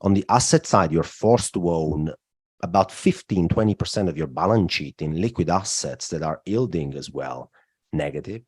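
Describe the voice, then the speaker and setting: A man from southern Italy, a podcast guest explaining markets in a thoughtful way, often starting with "look" and pausing on "uh". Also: sits low, a little mellow, husky, dry recording, clean studio sound. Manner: explanatory, frequent "look" and "uh" fillers. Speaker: guest, macro strategist. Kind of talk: podcast interview.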